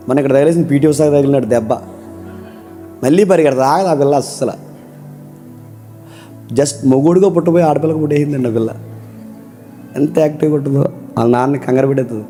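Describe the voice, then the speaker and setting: Warm-voiced pastor. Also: male voice. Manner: rhetorical questions, calls on listeners to answer; swings between loud emphatic and quiet low lines. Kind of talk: sermon.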